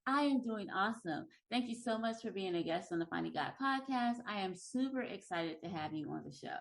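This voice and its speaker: A woman's voice: medium pitch, animated, a little fast. A woman hosting a faith podcast, who talks with eager, emphatic enthusiasm. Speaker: podcast host and relationship coach. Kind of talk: upbeat podcast interviewing.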